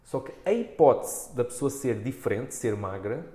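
Casual male podcast voice, European Portuguese accent, mid pitch, exploratory and halting, roomy sound. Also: expressive, dark tone. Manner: hesitant, thinking aloud, acts out clients' remarks. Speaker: interviewer and body practitioner. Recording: echoey room.

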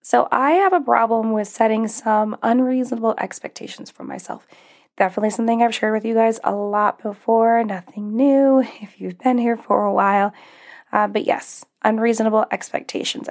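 Her fairly high, darkish voice moves at normal speed as she hosts her own casual solo podcast. This young life coach stays upbeat and encouraging, laughing lightly and using fillers often, though her voice is still a bit strained and might crack as it recovers from being lost.

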